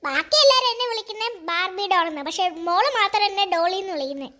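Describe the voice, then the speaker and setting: A squeaky, piercing cartoon voice of a bossy magic doll girl, as a performer puts her on. She talks curtly and scolds. The tone is bright and sharp. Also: lively intonation, fast, exaggerated voice. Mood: soothing. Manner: scolding, curt. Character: magic Barbie doll girl grown big, bossy and snappish. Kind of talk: cartoon voice acting.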